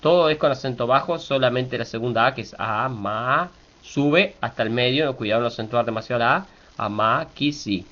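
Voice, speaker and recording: A hoarse man giving a spoken pronunciation lesson, slowly repeating and explaining each syllable. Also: mid-range voice, fairly bright tone, lo-fi sound. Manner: slow, careful, stops to spell and repeat syllables. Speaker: teacher.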